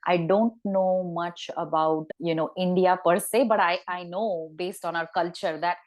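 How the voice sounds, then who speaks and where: Agreeable woman dietitian explaining clearly. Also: on the low side, steady tone, unhurried. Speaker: registered dietitian guest. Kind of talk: conversational interview.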